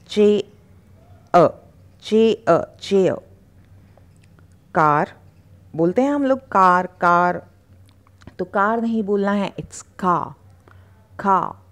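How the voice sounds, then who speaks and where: A woman teaching English pronunciation, repeating each word slowly and stretching out the sounds. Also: fairly low pitch, a little mellow. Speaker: spoken English tutor. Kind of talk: slow pronunciation lesson.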